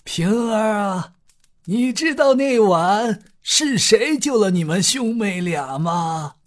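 A frail, kind-hearted old man talks in a slow, drawn-out way, his voice lifted high and thin with age, as a male narrator puts him on. Each phrase is soft and unhurried. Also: expressive, heavily acted. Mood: kindly. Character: weak, kindly old man, gentle elder. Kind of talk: audiobook character voice.

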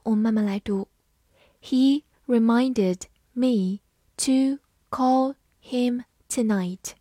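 A woman's voice: fairly high pitch, darkish tone, slightly rough, no echo, studio quality. A woman giving a scripted vocabulary lesson as a teacher, over-enunciating carefully and repeating words for learners. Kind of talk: scripted instructional narration for learners.

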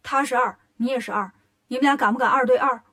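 A woman's voice: high voice, steady tone, fast, fairly bright tone. A woman voicing a cocky, mischievous monkey king who teases and tricks his companion, in a storybook reading. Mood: teasing. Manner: cocky, teasing, sly.

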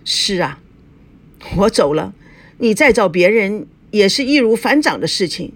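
A woman's voice: medium pitch, big pitch swings, unhurried. A woman doing a proud, hot-tempered young man. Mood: indignant. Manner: indignant, angry. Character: young male fiancé, proud and quick-tempered.

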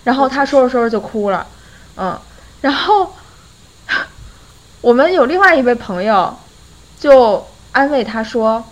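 A woman's voice: a little high, unhurried, long pauses, low-quality recording. A young adult woman hosting a podcast, telling a friend's story in a casual chat and often breaking into laughter. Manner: lively, often breaks into laughter while retelling. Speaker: podcast host.

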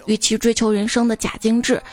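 A woman's voice: fairly high pitch, little pitch movement, a little fast, darkish tone. A woman reading funny anecdotes aloud, playfully acting out the dialogue. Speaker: joke reader.

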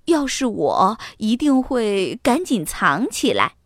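A woman voicing a gentle, worried mother fox in a children's storybook reading, soft and encouraging. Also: fairly high pitch, sing-song, slow, no echo, clean studio sound, exaggerated voice. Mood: caring.

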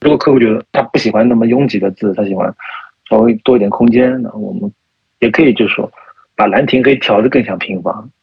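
A man's voice: lowish voice, fast talker, creaky, slightly rough, no room sound. A man speaking as a podcast guest, thinking aloud with many fillers and restarts. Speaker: guest, type researcher. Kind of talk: casual podcast conversation. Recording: dull lo-fi sound.

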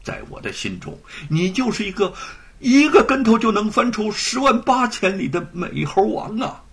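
A man voicing a gentle young wife who speaks softly and tenderly to comfort her husband. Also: high voice, very animated, normal speed, husky, pitched above the performer's own voice, heavily acted. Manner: soft, tender, coaxing.

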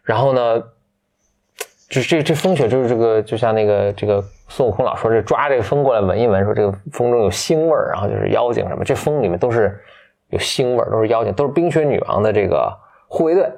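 A man casually retelling a fairy tale from memory, loose and halting, with many restarts and fillers. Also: mid-range voice, expressive, gravelly, darkish tone. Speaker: storyteller.

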